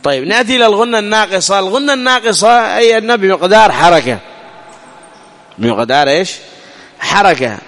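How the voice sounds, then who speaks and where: A man with a high voice teaches recitation rules. He asks the listener questions and drags out each sound to demonstrate it. The sound rings with a long hall reverb. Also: animated, a little fast, long pauses, fairly bright tone. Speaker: tajweed teacher. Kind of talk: recorded lesson explaining recitation rules.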